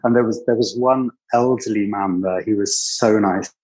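On a low-quality recording, an older British man with a British accent reminisces about his past as an interview guest. His slightly mellow voice sits on the low side, with fairly even intonation at a normal speed, and he tells anecdotes conversationally.

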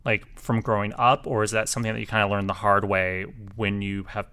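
A man's voice: fairly low pitch, flat delivery, brisk, pushed and bright, clean tone. A man co-hosting a podcast, asking questions with joking asides. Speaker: podcast co-host. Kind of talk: casual podcast interview.

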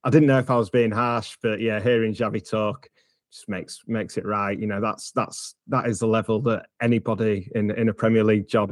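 A man's voice: on the low side, no room sound. A man in his late thirties from England, chatting loosely about football on a podcast with lots of filler phrases. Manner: rambling, many filler phrases. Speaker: podcast co-host, football fan. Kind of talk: casual football podcast chat.

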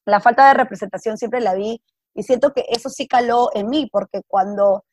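An interview guest from Peru, a woman with a Peruvian accent, chats casually and tells personal stories, slipping in English words and acting out what people said. Her voice is fairly high, a little mellow, and moves at normal speed.

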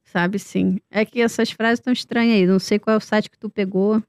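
A woman co-hosting a podcast, animated and quick to joke during a movie-quote guessing game. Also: mid-range voice, dry recording, clean studio sound.

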